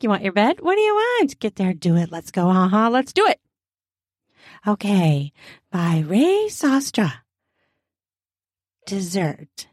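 A woman's voice: mid-range voice, darkish tone, no echo, studio quality. A woman who hosts a podcast, chatting playfully to lead in and then reading an erotic story aloud steadily. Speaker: podcast host.

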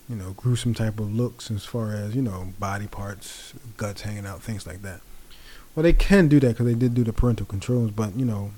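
Male vlogger with a warm, mellow voice and relaxed, rambling delivery. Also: mid-range voice. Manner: rambling, relaxed, many fillers. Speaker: pop culture vlogger. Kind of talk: casual commentary.

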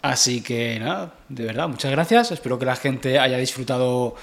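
A man's voice: mid-range voice, normal speed, creaky. A man hosting a casual podcast interview, giving brief, agreeable replies. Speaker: podcast host.

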